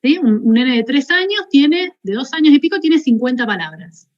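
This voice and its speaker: Argentine woman lecturing, higher voice. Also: animated, normal speed, muffled recording. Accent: Argentine Spanish. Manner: explanatory, peppers points with questioning "¿sí?". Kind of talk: university lecture.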